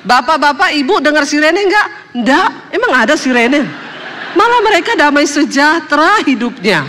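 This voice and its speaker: A woman's voice: high voice, normal speed, long reverb tail, slight background noise. A woman pastor from Indonesia preaching a sermon, telling a humorous testimony and acting out the voices of the people in it. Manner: animated storyteller, acts out voices, laughs at own jokes.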